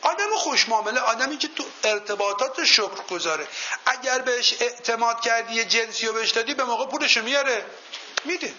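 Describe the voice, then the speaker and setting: Very high-pitched, bright-voiced male motivational speaker. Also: slight background noise. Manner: tells folk anecdotes and quizzes the audience. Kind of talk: motivational seminar talk. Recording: dull lo-fi recording.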